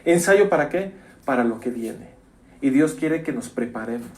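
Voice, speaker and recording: A man preaching a sermon as pastor, emphatic, repeating phrases and rising suddenly to loud stresses. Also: mid-range voice, lively intonation, normal speed. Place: church.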